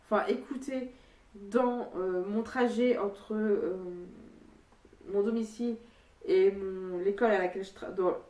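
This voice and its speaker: An echoey room and a distant microphone frame a young woman reviewing a book casually. Her voice is mid-pitched and nasal, clogged by a stuffy nose. She rambles hesitantly, often restarting her phrases. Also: steady tone, a little slow, mellow. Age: young adult. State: congested blocked nose.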